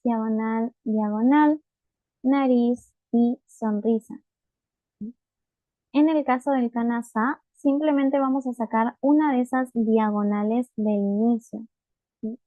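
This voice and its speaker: Woman teacher, patient, step-by-step, slightly high voice, dry phone-like sound. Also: no room sound. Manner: patient, checks in with students often. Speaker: Japanese teacher. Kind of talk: online writing lesson.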